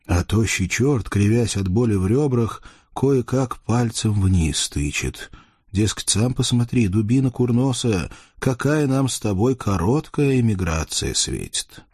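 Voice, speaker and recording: A man's voice: lowish voice, lively intonation, unhurried, darkish tone, slightly rough, no room sound, studio quality. A man narrating a fairy tale in a playful, folksy way, addressing the readers. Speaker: storyteller. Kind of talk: expressive audiobook narration.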